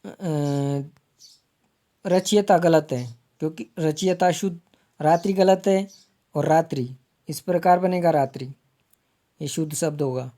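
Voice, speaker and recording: A man teaching Hindi grammar for exams, repeating each word slowly to spell it out and calling viewers his friends. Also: on the high side, dark tone. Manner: slow, repeats words to spell them out. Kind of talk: exam-prep lesson.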